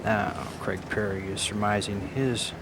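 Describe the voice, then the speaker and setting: A man giving live golf commentary in a measured, analytical way, with short clipped phrases and pauses. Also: lowish voice, fairly even intonation. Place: outdoors at a golf tournament. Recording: noisy outdoor broadcast with crowd.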